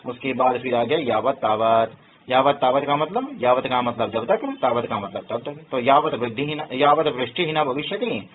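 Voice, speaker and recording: A man's voice: mid-range voice, lively intonation, moderate pace. A male teacher giving a patient grammar lesson, explaining word by word and often checking that students follow. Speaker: Sanskrit teacher. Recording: tinny phone-like sound, faint hiss.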